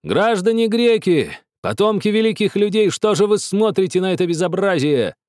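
A man voicing a proud, fed-up young painter who talks with quiet menace or loud appeals. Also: medium pitch, moderate pace, no echo, clean studio sound, close to an everyday voice. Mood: rousing.

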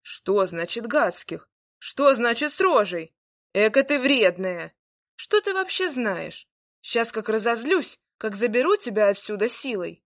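A woman's voice: fairly high pitch, lively intonation, a little slow, a bit bright. A woman voicing a cocky serpent-man warrior who teases and grumbles when offended. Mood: teasing. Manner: teasing, sulky grumbling.

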